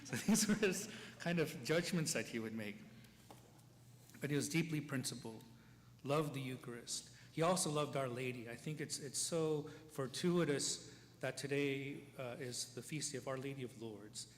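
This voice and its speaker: A priest with a mid-range male voice gives a conversational eulogy during a funeral mass in a church, checking in with listeners and laughing softly between anecdotes. Long reverb fills the recording, along with faint ambient noise.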